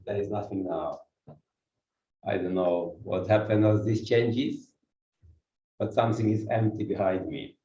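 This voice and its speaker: A guest pastor from Ukraine, speaking with a Ukrainian accent, preaches a sermon in a church hall, walking as he talks and putting questions to the congregation. His lowish, mellow voice moves at a measured pace with frequent pauses. The audio is dull and echoey, recorded from far off, with a bit of hiss or hum.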